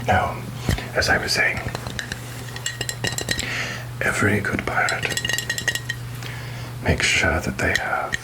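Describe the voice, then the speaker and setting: Pirate captain, played by a man: whispered ASMR, slow and deliberate, roguish, rum-loving, theatrically wary. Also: natural voice, rough recording. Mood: sly, instructive. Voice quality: breathy whisper. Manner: halting, deliberate, mock-grand phrasing. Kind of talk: whispered ASMR roleplay, addressing the listener.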